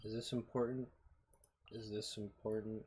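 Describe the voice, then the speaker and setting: A streamer talks quietly to himself as he plays, his voice on the low side, a little mellow, and flat, at a normal speed. The noisy mic catches keyboard typing, mouse clicks, and background noise around his casual commentary.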